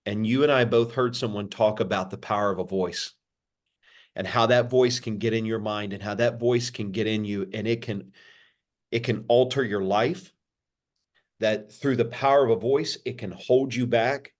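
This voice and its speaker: A pastor, a man, answering interview questions in a sermon-like way, repeating phrases and lifting his pitch for emphasis. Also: steady tone, normal speed. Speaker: pastor, podcast guest.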